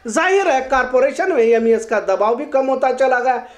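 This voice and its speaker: High-voiced woman reading news commentary. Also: animated, moderate pace. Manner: earnest, moralizing editorial tone. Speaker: news presenter.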